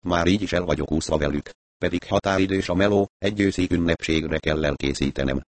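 A blunt, gruff bearded carver from a storybook, read by a man. Deep and dry, with no room around it. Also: no room sound, close to an everyday voice. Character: gruff bearded male woodcarver.

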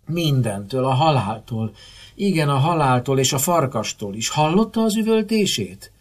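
A husky-voiced man reading a novel aloud, voicing a frightened hysterical woman patient who shrieks and pleads in the dark. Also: mid-range voice, sing-song. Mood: terrified. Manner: shrieking, panicked, whimpering.

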